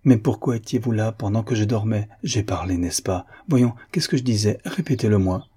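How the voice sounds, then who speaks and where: A man reads a sick, feverish father in a storybook, agitated and pressing with his questions. The voice is low, mellow and a little husky. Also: moderate pace. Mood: anxious.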